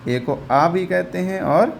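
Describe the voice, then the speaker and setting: Man, English reading teacher, patient, repeats sounds, fairly high voice, faint hiss behind. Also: slow pace, creaky. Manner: patient, repeats each sound and quizzes the learner. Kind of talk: step-by-step phonics lesson.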